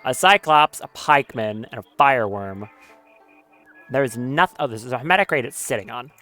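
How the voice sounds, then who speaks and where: A man's voice: mid-range voice, animated, normal speed, pushed and bright, soft background music. A man giving casual live commentary on his gameplay stream, swearing often and talking nervously as he goes.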